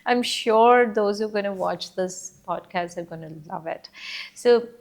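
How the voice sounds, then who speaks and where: A woman's voice: medium pitch, a little slow. A middle-aged woman with an Indian English accent hosting a podcast interview, chatty and encouraging, mixing Hindi phrases into English and giving many short acknowledgements. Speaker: podcast host.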